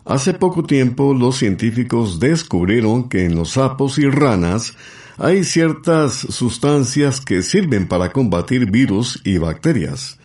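A man hosting a radio health program, reading informative scripted narration in a calm, measured way. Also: mid-range voice.

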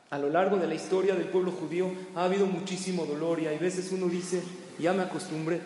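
High-voiced guy preaching hard, lots of rhetorical questions, big echoey hall. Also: darkish tone. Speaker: rabbi. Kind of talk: sermon.

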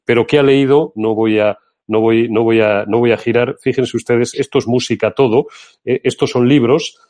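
A man's voice: mid-range voice, steady tone, moderate pace, a little mellow. A middle-aged man from Spain with a Castilian accent, talking politics on an opinion show in an emphatic, indignant, rhetorical way. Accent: Castilian Spanish. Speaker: political commentator.

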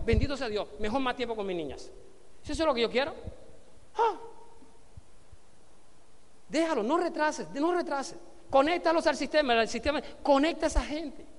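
In a large hall, a man with a very high-pitched, fairly bright voice trains a network marketing audience at a motivational business seminar. He preaches to them and quizzes them, getting them to respond and repeat after him.

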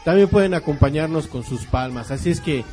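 A man's voice: fairly high pitch, expressive, fairly quick, warm tone. A man hosts a live children's radio show in a slightly raised voice, talking straight to the listeners at home. Faint music plays behind him. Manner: friendly, addresses listeners directly. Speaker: radio host. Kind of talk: live radio hosting to the audience. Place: auditorium with children.

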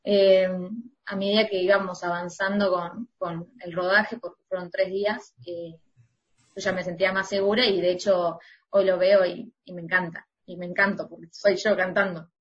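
A woman's voice: lowish voice, flat delivery, moderate pace, dull audio. Chatty Argentine woman singer. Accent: Argentine Spanish. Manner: chatty, laughs often, filler-heavy. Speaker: independent singer, guest. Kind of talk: casual interview chat.

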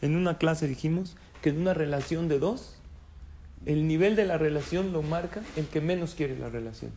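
A man giving a sermon as a rabbi, animated storytelling that acts out the voices of people in his tales. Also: on the high side, normal speed, a little hiss or hum.

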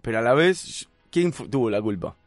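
A man's voice: medium pitch, normal speed, no room sound, soft background music. A young man with an Argentine Rioplatense accent, a podcast host animatedly telling a funny story in casual chat, acting out what people said. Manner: animated storyteller, acts out quotes, laughs often.

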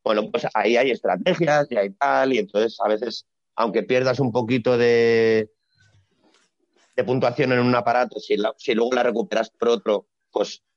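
A man, a retired gymnast explaining his career in a relaxed, blunt, colloquial way during a casual interview. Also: medium pitch, moderate pace, dry recording. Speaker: retired Olympic gymnast, guest. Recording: dry, slightly dull sound.

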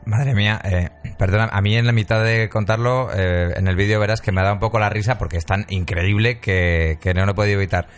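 Very deep-voiced man from Spain asking questions. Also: fairly even intonation, fast. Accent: Spain Spanish. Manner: chatty, follow-up questions. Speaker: interviewer. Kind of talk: casual interview.

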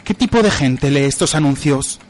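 Woman voicing low-voiced, curious, hesitant vampire. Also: expressive, moderate pace, a little mellow. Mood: curious, impressed. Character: Don Frucumoi, curious, easily amazed male vampire. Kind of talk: comic radio drama dialogue.

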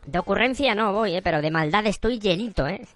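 A man playing a boastful, silly male dark wizard lord, rambling and joking in a comedy sketch interview. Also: sits high, expressive, fairly quick.

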